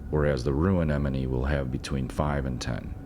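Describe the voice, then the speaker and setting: A man with a strikingly low, deep voice narrates an educational nature video at an even, measured pace. His delivery is scripted and informative, with the occasional dry aside. A faint hiss sits under the voice-over.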